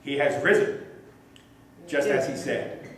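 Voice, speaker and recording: Middle-aged man, pastor, gentle storytelling, slow delivery, echoey church sound from a little way off. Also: medium pitch, crowd noise. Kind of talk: children's sermon storytelling. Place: small church sanctuary, at a lectern. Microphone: fixed camera a few feet away, lectern mic. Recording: echoey church from some distance.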